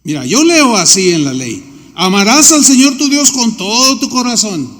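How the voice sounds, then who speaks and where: A man's voice: high voice, very animated, normal speed, fairly bright tone, in a large hall. A man preaching a sermon as pastor, talking in a conversational way and acting out bits of dialogue.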